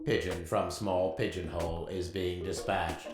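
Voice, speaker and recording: Glitching deep postal robot. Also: male voice, measured pace. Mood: mechanical. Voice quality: monotone, mechanical and gravelly. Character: deep, flat-voiced male postal robot that chants error messages. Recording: echoey game audio with music behind.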